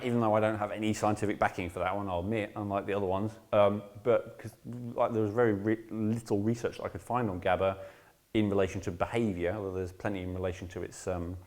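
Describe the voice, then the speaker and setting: A man's voice: lowish voice, a little mellow. Rambling, emphatic male course instructor. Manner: rambling, emphatic, frequent "right?" and fillers; blunt, swears casually. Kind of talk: casual lecture.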